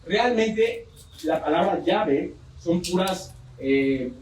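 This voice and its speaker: Man, Mexican accent, sermon, high voice, echoey church hall, distant mic, faint background noise. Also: lively intonation, takes it slowly, a little mellow. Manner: storytelling with joking asides. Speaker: preacher. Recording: roomy church hall from far off.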